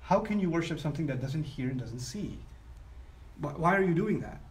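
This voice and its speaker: A man teaching a structural lesson on scripture, animated and often voicing the speakers of the story as he explains. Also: fairly high pitch, fairly quick, distant mic. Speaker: Quran teacher. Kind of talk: lecture on scripture. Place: broadcast live online.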